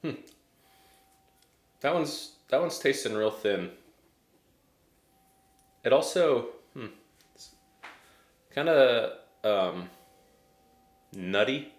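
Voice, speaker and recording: A man's voice: mid-range voice, expressive, drawn-out words, pauses often, echoey room. An American man chatting casually as he reviews a tasting, hesitant and thinking aloud. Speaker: whiskey reviewer.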